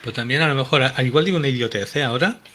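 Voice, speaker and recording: A man's voice: mid-range voice, racing, pushed and bright, slight background noise. Chatty man hosting a radio panel. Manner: chatty, anecdotal, frequent agreement. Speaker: radio host.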